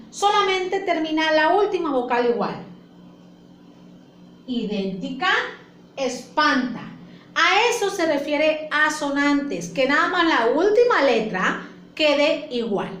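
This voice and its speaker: Slow, lively-voiced woman teacher. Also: high-pitched. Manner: patient, repeats points and asks the class questions. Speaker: primary school teacher. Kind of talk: classroom lesson explanation. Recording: echoey room with faint ambience.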